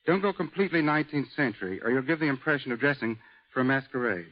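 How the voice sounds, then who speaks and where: This is a medium-pitched, expressive man reading scripted responses as a radio show's guest expert. His manner stays measured and matter-of-fact, and the old recording has a dull quality.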